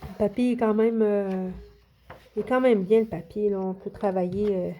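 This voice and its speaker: A woman's voice: medium pitch, fairly even intonation, moderate pace, warm tone, slight background noise. A woman with a Québécois French accent chatting casually through a show-and-tell of her coloring books, hesitant, with many fillers and restarts. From Quebec. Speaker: coloring book YouTuber.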